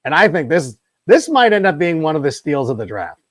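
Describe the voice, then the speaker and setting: A man with a slightly raised pitch hosts a sports talk podcast, letting his stories wander through digressions and restarts. The sound is dry and close, with no room around it. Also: sing-song, brisk, no echo. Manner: long-winded, rambling storyteller. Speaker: podcast host. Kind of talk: casual sports podcast chat.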